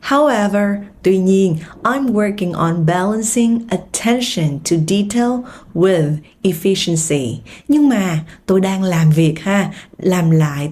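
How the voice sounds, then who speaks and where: Slow, mellow-voiced woman teaching pronunciation. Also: medium pitch. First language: Vietnamese. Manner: repeats words slowly, drilling syllables. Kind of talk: slow, clear pronunciation lesson.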